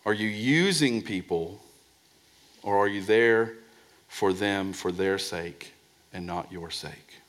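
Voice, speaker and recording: A man preaching a sermon as a pastor, pressing points and dropping to a soft low voice on key words, often repeating words as he restarts. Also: slow.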